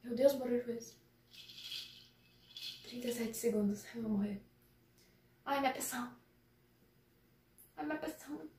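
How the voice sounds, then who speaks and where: A young woman hosting a casual live reaction, excitable and dramatic, often dropping to soft murmurs. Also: a little high, normal speed, long pauses, a little hiss or hum. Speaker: reaction video host. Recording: echoey room with faint music.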